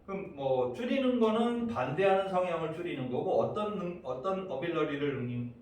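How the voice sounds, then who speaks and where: A man's voice: a little high, expressive, moderate pace, darkish tone. A male English teacher giving an exam-prep grammar lecture, explaining step by step and checking in with the class often. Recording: echoey room, distant mic, faint noise.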